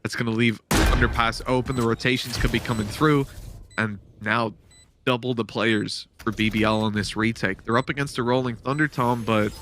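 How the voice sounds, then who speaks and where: A man doing excited play-by-play as an esports caster, moving from measured calls up to shouts. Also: medium pitch, background noise. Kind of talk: excited live esports commentary.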